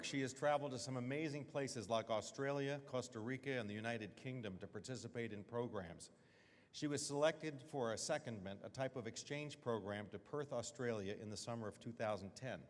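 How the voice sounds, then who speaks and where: Male presenter, formal scripted introduction, middle pitch, reverberant hall. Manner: steady, scripted listing of achievements. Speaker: awards presenter. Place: large hall at an awards event.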